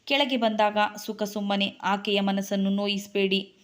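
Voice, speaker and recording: A kind young man in a spoken storybook, gentle and reassuring, as a woman narrator reads him. The voice stays in an ordinary middle pitch. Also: little pitch movement, moderate pace, lightly acted.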